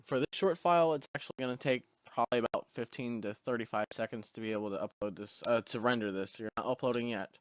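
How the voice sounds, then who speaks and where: A man with hiccups talks a viewer through a gaming tutorial, one step at a time, with an easy, unhurried manner and casual fillers. His voice is smooth and clear, and the recording is dry and close. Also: mid-range voice, dry recording. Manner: relaxed step-by-step instructions with fillers. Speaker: tutorial host.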